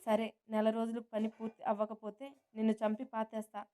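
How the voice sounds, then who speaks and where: A woman's voice: on the high side, monotone, a little fast, warm tone, clean tone, lightly acted. A woman narrator voicing a stern young businessman who speaks seriously and issues threats.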